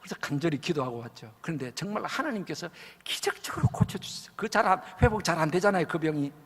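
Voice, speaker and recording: Male revival preacher, husky and gravelly, dramatic storyteller in a reverberant sanctuary. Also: a little high, animated, fast talker. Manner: dramatic storytelling, acts out quoted voices, swings from loud to hushed. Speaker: pastor. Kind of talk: revival sermon. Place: large church sanctuary. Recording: church hall with long reverb.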